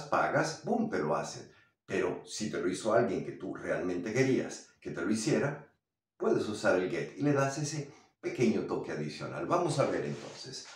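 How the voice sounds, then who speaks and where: Male language teacher, animated pitch, unhurried delivery, heavy room echo, mic at a distance. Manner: slow, drawn-out model phrases. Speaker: English teacher. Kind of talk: language lesson. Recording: echoey room, far from mic.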